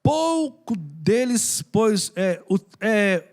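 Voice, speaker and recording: A man's voice: high-pitched, sing-song, very slow, darkish tone. A male preacher giving a conversational, emphatic sermon and joking with the congregation.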